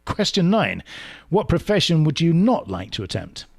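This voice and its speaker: A man's voice: a little high, very animated, moderate pace, creaky, breathy edge. Playful male podcast host. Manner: chatty and playful, jokes, laughs often. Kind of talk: casual interview, rapid-fire questions.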